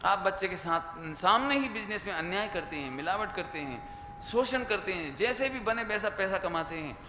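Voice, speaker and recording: A man giving a Jain sermon to an audience, lively and conversational, mixing in English phrases and acting out quoted lines. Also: sits high, moderate pace. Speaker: Jain preacher. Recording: echoey hall with faint noise.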